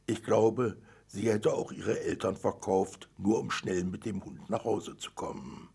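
A man reading a children's story aloud in the first person, with dry narration and gruff lines for the father. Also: lowish voice, fairly even intonation, measured pace, mellow.

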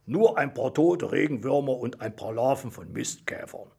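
Boastful bloated male badger, smug, drawling, storybook, man voicing, husky. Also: mid-range voice, expressive, moderate pace, a little mellow, heavily acted.

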